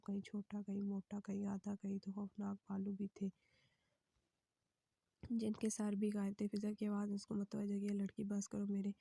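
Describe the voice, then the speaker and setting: Woman narrator for a romance novel reading, very flat and dark in tone, soft and breathy, close dry mic. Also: mid-range voice, no echo. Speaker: novel reader.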